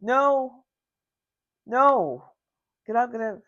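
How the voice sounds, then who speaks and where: A woman voicing a panicked granddaughter who shouts the same words over and over. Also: on the high side, animated, lo-fi sound, pitched above the performer's own voice, exaggerated voice. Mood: horrified. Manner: loud, rapid repetition. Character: horrified teenage granddaughter, panicked and pushy.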